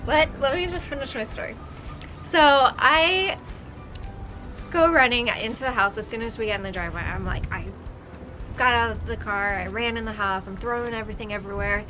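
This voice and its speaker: A young woman casually telling a homestead story in a lively, teasing way, laughing now and then. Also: fairly high pitch, normal speed, music in the background. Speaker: homestead vlogger.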